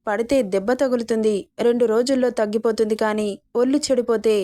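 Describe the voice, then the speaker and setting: A woman's voice: a little high, steady tone, a little fast, dark tone, no echo, studio quality, close to an everyday voice. A woman voicing an arrogant young man who taunts and threatens, in her own reading voice. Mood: taunting. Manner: mocking, threatening, smug. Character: arrogant, taunting young male college bully.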